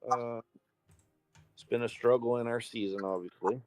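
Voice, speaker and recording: Male guest gamer, mid-pitched, dry sound, relaxed and halting. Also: dry recording. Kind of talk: casual livestream chat.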